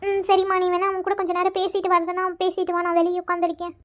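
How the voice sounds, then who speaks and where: High, tearful cartoon mother. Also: little pitch movement, a bit bright. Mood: tearful worry. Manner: pleading, scolding, fast-talking. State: crying. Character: worried tearful mother of a college boy. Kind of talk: cartoon voice acting.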